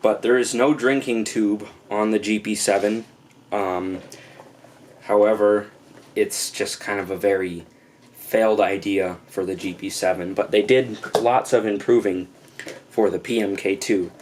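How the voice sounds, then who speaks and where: Low-voiced young man reviewing gear, noisy recording. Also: fairly even intonation, a little slow, darkish tone. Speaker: gas mask reviewer. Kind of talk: casual hands-on product review. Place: small living room indoors. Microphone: camera mic at close range. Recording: noisy home camera recording.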